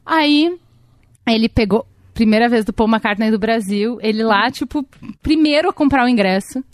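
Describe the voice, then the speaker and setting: A young adult woman chatting casually, telling a personal story with lively acted-out quotes. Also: a little high, moderate pace, no echo. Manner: animated storytelling, acts out quoted dialogue. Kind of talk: casual chat.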